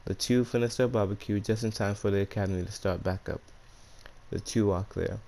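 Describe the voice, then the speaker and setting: A man's voice: on the low side, steady tone, a little fast, vocal fry, mellow. A man with a speech impediment that turns his R's into W's, hosting and narrating fan fiction in a casual, slangy way. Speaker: YouTube storyteller and channel host.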